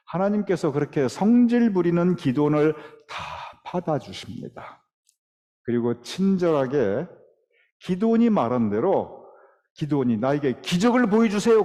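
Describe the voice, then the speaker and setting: Preaching pastor in a reverberant church. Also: male voice, on the high side, dark tone. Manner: earnest preaching with dramatic pauses. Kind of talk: sermon. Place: church sanctuary. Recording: long church hall reverb.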